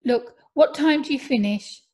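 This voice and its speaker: A woman voicing a young male footballer in an audiobook, earnest and reassuring, a little louder than her narration. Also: sits high, a little slow.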